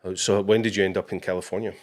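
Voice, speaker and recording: A man's voice: low voice, little pitch movement, rapid-fire, darkish tone. A man hosting a live-stream interview, casually reading out viewer comments with easy fillers. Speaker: host.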